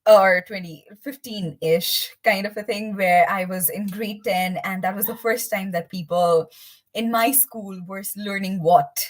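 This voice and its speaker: A young woman from Nepal speaks as a panelist on an online panel. Her voice sits fairly low. She is earnest and rambles a little, restarting her sentences now and then. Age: young adult.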